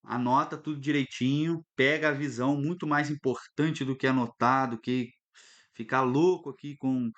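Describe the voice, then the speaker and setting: A man teaching a recorded lesson, lively and instructive, often stopping to check that students follow. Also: medium pitch, normal speed, dull audio. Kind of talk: recorded online lesson at a whiteboard.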